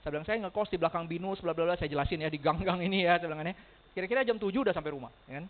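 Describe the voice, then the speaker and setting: A man speaking fast with a high voice, telling stories to a room of sales agents. He acts out the other people's lines and laughs as he goes. The sound is thin and phone-like. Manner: animated, laughs often, acts out dialogue. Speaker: motivational speaker. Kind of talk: storytelling talk to a sales team.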